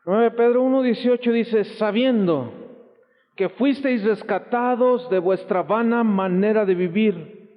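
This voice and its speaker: An unhurried, high male voice belongs to a Mexican pastor preaching a sermon, exclaiming with emphasis and quoting characters as he tells stories. The old recording from a church hall sounds tinny and lo-fi, typical of the 1990s, with a long reverb tail.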